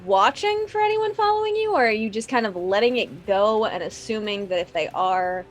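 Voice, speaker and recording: A woman's voice: mid-range voice, expressive, moderate pace. A woman running a tabletop game as game master, talking casually and loosely with filler words.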